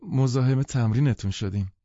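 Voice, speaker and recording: A man's voice: on the low side, mellow, no echo. A man voicing a playful, charming young woman in an audiobook. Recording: dull lo-fi recording.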